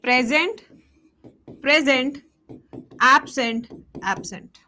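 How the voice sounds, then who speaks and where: With slight background noise behind her, a young woman coaches students for a biology exam in Hinglish, slowly reading table entries aloud and then slipping into fast remarks. She speaks in a high, bright voice with a forceful tone.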